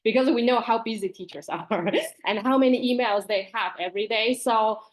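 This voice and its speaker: On a video-call webinar, a Taiwanese woman in her forties presents herself as a teacher librarian and self-published author. She speaks candidly and earnestly at a moderate pace in a fairly high voice, with soft nervous laughs between phrases, and the recording quality is low.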